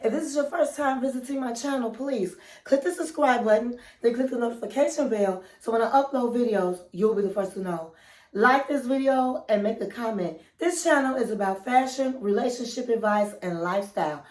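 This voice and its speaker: A woman with a cold speaks in a nasal, somewhat high, slightly quick and mildly mellow voice, recorded in an echoey room. She runs her own relationship advice channel and chats casually with viewers in a vlog style, calling them queens and honey.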